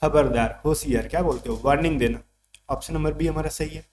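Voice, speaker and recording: Male tutor, slightly raised pitch, patient step-by-step explainer, faint background hum. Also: a little fast, a little mellow. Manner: explains step by step with repeated checks. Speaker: teacher. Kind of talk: exam vocabulary lesson.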